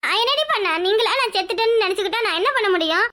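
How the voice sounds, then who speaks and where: A woman's voice: very high voice, animated, rapid-fire, sharp tone, exaggerated voice. A woman voicing a fiery village daughter in a cartoon who scolds her drunken mother. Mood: scolding. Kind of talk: cartoon voice acting.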